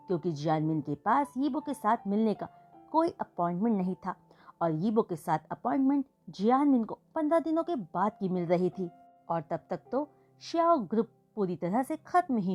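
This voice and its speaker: A woman's voice: mid-range voice, sing-song, normal speed, highs cut off. Woman narrating a story recap over music. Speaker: fan fiction narrator.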